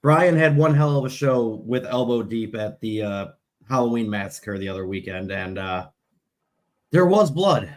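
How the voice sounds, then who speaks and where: A man's voice: medium pitch, expressive, moderate pace. Rambling Illinois man on a podcast. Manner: rambling, repeats words when starting. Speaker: podcast co-host. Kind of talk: casual late-night chat.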